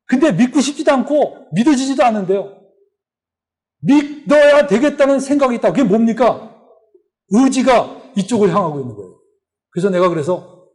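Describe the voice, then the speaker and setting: A middle-aged man gives a sermon at a church retreat. His voice sits high for a man. He tells his story with energy and acts out each person's lines. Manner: animated storytelling, acts out dialogue. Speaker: lay preacher. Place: retreat hall.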